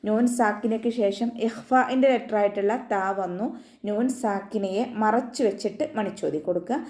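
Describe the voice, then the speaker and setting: A woman teaching the rules of Quran recitation, with patient step-by-step instruction and frequent gentle reminders. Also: medium pitch, moderate pace. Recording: echoey room.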